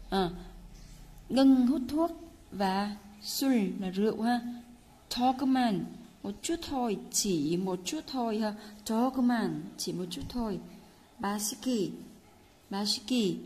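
A woman teaching Korean in a casual lesson, patiently repeating words slowly for learners. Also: medium pitch, a little mellow. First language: Vietnamese.

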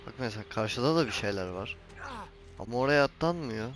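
Soft background music plays as a gaming channel host comments on his let's-play. He's fed up, berating his character and cursing at the camera whenever a jump goes wrong. His mid-range voice is a bit bright, with lively intonation and a fairly quick pace.

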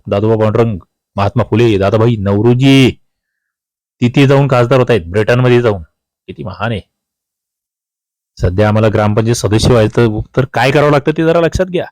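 This quiz-style history lesson comes from a man with a Maharashtrian accent whose mid-range voice is slightly mellow. The recording is rough but has no echo, and he drills students for their exam with emphatic repetition of questions and answers plus casual side remarks.

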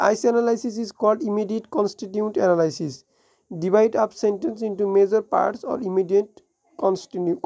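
A woman with a Bengali accent leads an exam review lesson in a mellow, medium-pitched voice. She reads English definitions slowly, then explains them quickly, often correcting herself and restarting.

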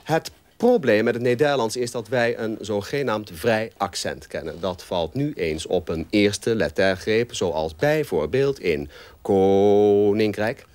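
An actor playing a pompous, lecturing language scholar in a comedy sketch interview. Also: male voice, fairly low pitch, expressive, unhurried, few pauses, dry recording. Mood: pedantic. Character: pedantic male language scholar doctor. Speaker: language expert guest.

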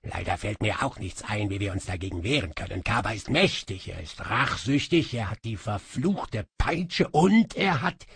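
A man plays a stocky, bad-tempered djinn with a sardonic, muttering delivery. The voice is very husky and dry, moving lively up and down. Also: fairly low pitch, moderate pace, few pauses, no echo, exaggerated voice. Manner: sardonic, mumbling. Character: stocky, grumpy, sly male djinn.

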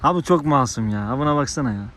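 A man vlogging outdoors on a rural farm, excitable and talking soothingly to dogs. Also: medium pitch, fast. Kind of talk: casual outdoor vlog with dogs.

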